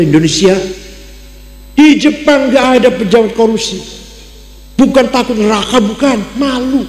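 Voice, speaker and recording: An older man with a Javanese accent giving a religious lecture, asking his listeners questions and switching between loud exclamations and dry jokes. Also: high voice. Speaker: Islamic cleric giving a talk. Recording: echoey hall with long reverb.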